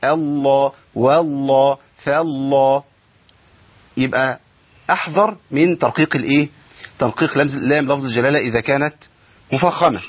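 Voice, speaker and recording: A man with an Egyptian accent teaches the rules of Quran recitation at a quick clip. His voice is somewhat husky, and he keeps asking his students questions and then answering them himself. The recording sounds a little dull and lo-fi. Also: medium pitch, no echo. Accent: Egyptian Arabic. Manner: explanatory, poses and answers his own questions. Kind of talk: tajweed lesson.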